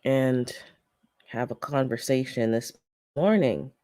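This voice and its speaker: A woman with an extremely low, warm voice speaks slowly while hosting a casual gardening livestream. Sounding a bit stuffy and congested, she chats, tells stories, laughs often, and greets viewers in the chat by name.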